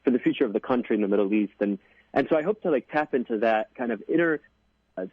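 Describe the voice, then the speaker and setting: A young man in his twenties, a deacon and guest, talks in an earnest, halting way full of fillers. He comes through a dry, thin phone line. His voice sits in a middling register. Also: mid-range voice, animated, no echo. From United States. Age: 20s. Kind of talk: interview on radio.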